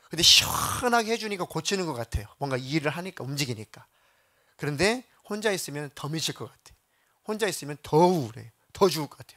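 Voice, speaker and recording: Male pastor, sermon delivery, slightly high and very animated, storyteller. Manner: dramatic storytelling, acting out prayers and quotes. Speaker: senior pastor.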